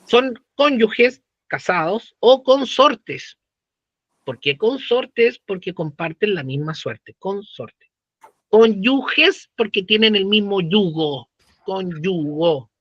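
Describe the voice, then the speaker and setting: A man's voice: high voice, animated, takes it slowly, a bit bright, no echo, dull audio. A man with a Chilean accent teaching law, talking casually with slang and asking the class questions. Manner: conversational, uses slang and rhetorical questions. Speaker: law professor. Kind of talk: lecture.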